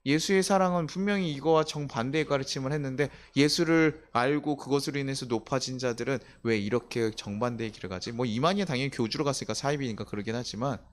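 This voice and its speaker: Man preaching a lively, chatty sermon. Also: mid-range voice, quick pace, few pauses. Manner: conversational, asks the congregation questions, acts out quoted voices. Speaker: pastor. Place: church sanctuary.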